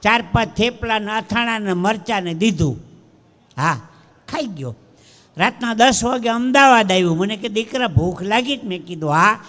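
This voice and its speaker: Older Kathiawadi male stand-up comic, high pitch, punchline-driven stage storytelling. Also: expressive, normal speed, fairly bright tone, big-room sound. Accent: Kathiawadi Gujarati. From Dwarka, Saurashtra, India. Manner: storytelling with punchlines, acts out voices. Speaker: stage comedian. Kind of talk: live stand-up joke telling. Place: outdoor fair stage before a crowd.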